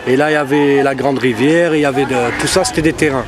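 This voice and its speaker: A man speaking quickly and plainly in a documentary interview outdoors. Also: medium pitch, fairly even intonation. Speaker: resident. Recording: outdoors with loud traffic noise.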